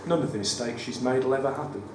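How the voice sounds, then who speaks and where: This croaky-voiced man speaks West Midlands English and talks fast in a mid-range voice, a performance poet reading his poems with wry, self-deprecating banter at a live cabaret event in a studio theatre. A distant mic captures the roomy venue, including room noise and the ambience of the audience.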